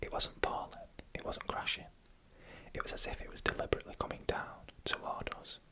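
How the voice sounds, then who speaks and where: Slow, deliberate phrases and short pauses mark this narrator's breathy ASMR whisper as they read a scripted story.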